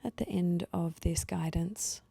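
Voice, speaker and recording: A woman guides a meditation, giving slow, soothing instructions broken up by pauses. Her voice is soft, sometimes breathy, and fairly low in pitch, and the recording has no echo.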